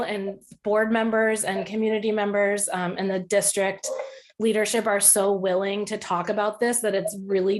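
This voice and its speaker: A woman calling in to give a public comment, her phone voice played over a speakerphone and picked up again in the meeting room; she speaks earnestly and hesitantly, with many fillers. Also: mid-range voice. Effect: phone voice played on speakerphone and re-recorded in the meeting room. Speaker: caller giving public comment.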